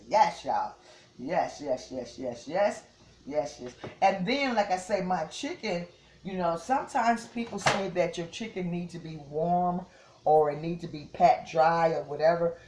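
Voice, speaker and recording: In her home kitchen, a home cook chats casually with viewers during a cooking demonstration, often repeating "yes, yes" and "okay?". Her voice is fairly low and a little mellow, with some reverb and slight background noise.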